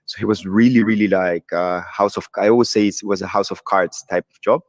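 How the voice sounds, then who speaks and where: A man from Ecuador, with a very low voice, tells his story as a guest in a relaxed way. He rambles with many fillers, and his voice comes through a video call with a dry, close sound. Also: a little fast, dry recording. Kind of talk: casual interview talk.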